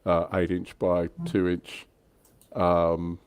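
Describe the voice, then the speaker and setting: Hosting a tabletop wargaming livestream, a man chats casually, lightly teasing and prompting the others. His voice sits low with little pitch movement, and he speaks slowly with a clear, resonant tone. There's no room sound.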